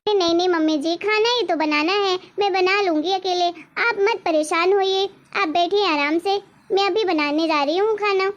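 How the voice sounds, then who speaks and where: A woman's voice: very high-pitched, moderate pace, hardly any pauses, lo-fi sound. A woman voicing a sweet, eager young daughter-in-law in a cartoon story. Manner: sweet, reassuring.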